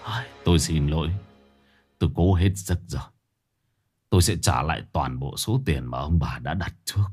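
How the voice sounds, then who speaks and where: A man playing a weary, resigned old male exorcist who talks slowly and gravely. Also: very deep voice, lively intonation, a little mellow, soft background music, pitched below the performer's own voice. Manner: slow, apologetic, grave.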